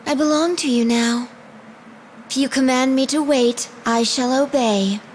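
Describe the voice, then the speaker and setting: In a video game drama, an actress voices a proud, dutiful young warrior princess, delivering her lines formally and earnestly. Her voice is female and high, her pace measured, and her mood solemn, with a little hiss or hum in the background.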